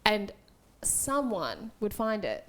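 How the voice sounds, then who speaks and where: A woman's voice: medium pitch, very animated, takes it slowly, fairly bright tone. Australian woman telling rambling stories. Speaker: podcast co-host. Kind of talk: casual chat.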